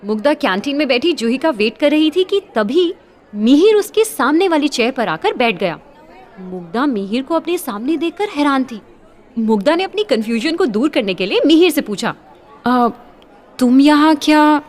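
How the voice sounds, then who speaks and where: High-voiced woman narrating a story. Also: very animated, normal speed, a faint crowd. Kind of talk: scripted audio story narration.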